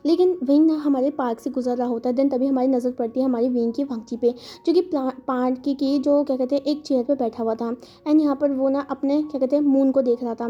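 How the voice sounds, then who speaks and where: A woman's voice: high voice, dull audio. A woman casually retelling a fan story, chatty and full of fillers and self-corrections.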